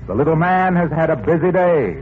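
A man's voice: fairly high pitch, animated, fairly quick. A man reading scripted announcements in a polished, emphatic 1940s radio style. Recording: tinny, hissy old radio broadcast.

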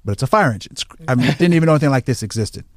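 In a clean studio recording with no room sound, a male firefighter guest talks in a mid-range voice at a racing pace. He tells stories casually and animatedly, performing quoted lines as he goes.

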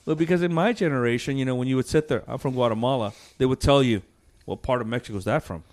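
Rambling, cursing podcast host. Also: male voice, medium pitch, quick pace, a little mellow. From United States. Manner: rambling, swears freely, laughs often. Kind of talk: casual podcast chat.

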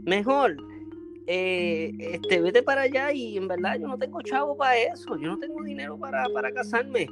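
A man's voice: very high-pitched, lively intonation, normal speed, over music, pitched above the performer's own voice. A man voicing a broke young suitor with a Puerto Rican accent, pleading and repeating himself. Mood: whiny. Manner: pleading, repetitive.

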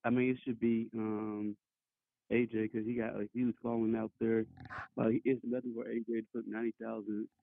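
A man's voice: little pitch movement, moderate pace, vocal fry, dry recording. A man calling in over a muffled phone line while leaving an office, talking loosely and repeating words. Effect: muffled, bass-heavy phone line. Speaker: remote caller on a show. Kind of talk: casual chat.

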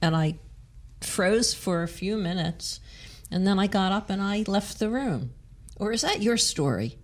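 A woman's voice: medium pitch, animated, measured pace. A woman in a casual chat, telling a school memory and laughing often, lightly teasing.

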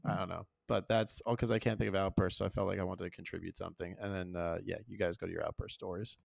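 Gravelly young man, animated storyteller. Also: low-pitched, fast, dry recording. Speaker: podcast co-host. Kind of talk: casual chat.

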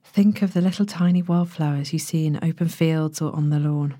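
A woman narrating a sleep story as a guided relaxation, in a gentle, hushed and breathy manner with long pauses. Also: low-pitched, dry recording. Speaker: podcast host, sleep meditation narrator.

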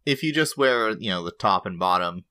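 A man co-hosting a casual gaming podcast, talking in a halting way with many pauses and restarts. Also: deep voice, animated, sharp tone, dry recording. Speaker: podcast co-host.

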